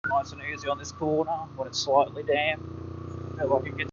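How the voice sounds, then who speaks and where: Australian biker talking through a helmet mic. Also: male voice, on the high side, little pitch movement, brisk. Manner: laid-back, swears casually, talks to himself while riding. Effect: voice picked up by a helmet-mounted mic while riding. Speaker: motorbike vlogger. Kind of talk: casual riding commentary. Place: outdoors on a motorbike on rural roads. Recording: muffled helmet mic with loud wind and engine noise.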